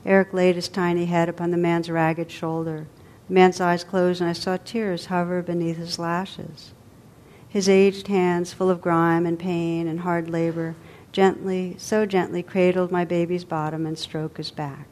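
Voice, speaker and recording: A woman telling a story aloud in a gentle, expressive way, letting her lines trail off softly. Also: lowish voice, a little slow.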